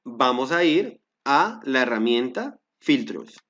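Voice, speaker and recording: A man teaching a step-by-step software tutorial, guiding viewers with frequent fillers and self-corrections. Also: mid-range voice, sing-song, takes it slowly. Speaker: Excel instructor. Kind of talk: screen-recorded software tutorial.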